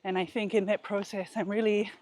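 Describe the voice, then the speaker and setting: A woman talking candidly and reflectively to her vlog while out running, in a halting, casual way with pauses. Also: mid-range voice, flat delivery, a little mellow, slight background noise. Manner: candid, introspective. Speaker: vlogger.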